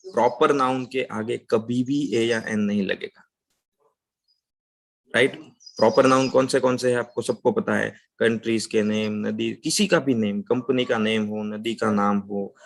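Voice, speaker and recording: A man teaching an English grammar lesson, explaining patiently, checking in with "right?" and saying example sentences slowly. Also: fairly low pitch, vocal fry.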